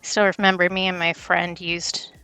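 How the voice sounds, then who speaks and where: A woman's voice: lowish voice, flat delivery, moderate pace, bright, forceful tone, clear, resonant tone, no echo, faint music behind. A young woman chatting casually on a livestream while she draws, rambling and stumbling over her words with self-deprecating asides. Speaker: streamer.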